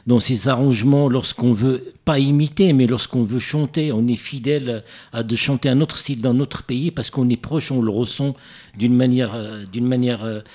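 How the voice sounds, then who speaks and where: A man's voice: mid-range voice, fairly even intonation, moderate pace, dark tone. A man from Morocco hosting a radio interview, asking questions while hesitating and searching for words. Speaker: radio host.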